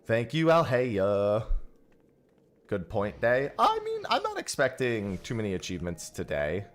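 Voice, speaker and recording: Speaking a little slowly, a gaming streamer chats casually and thanks his viewers through a headset mic. His voice sits at medium pitch but swoops wildly.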